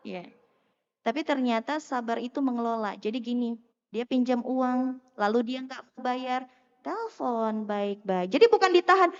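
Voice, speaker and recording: A woman giving a lively sermon to a live audience, teasing and asking the crowd questions. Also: on the high side. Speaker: preacher. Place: mosque hall. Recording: muffled sound in a long-echo hall.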